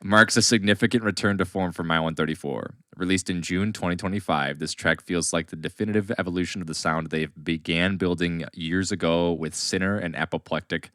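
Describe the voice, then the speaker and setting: A man co-hosting a podcast, chatting casually and swearing now and then, sometimes reading text aloud haltingly. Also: low-pitched, fairly even intonation, pushed and bright, no room sound, studio quality. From Wisconsin. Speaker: podcast co-host, band member.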